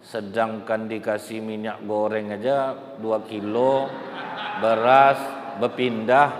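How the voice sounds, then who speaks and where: A man's voice: lowish voice, slow pace, slight background noise. A male preacher giving a humorous sermon, telling stories and speaking directly to the women at a large religious gathering. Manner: lively storytelling, addressing the women directly. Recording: echoey hall, faint ambience.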